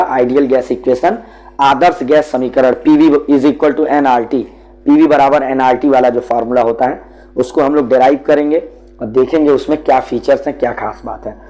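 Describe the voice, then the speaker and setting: A man's voice: on the high side, darkish tone, rough recording. A man, teaching a chemistry lesson and patiently explaining to students, whom he calls beta. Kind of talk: classroom syllabus lesson.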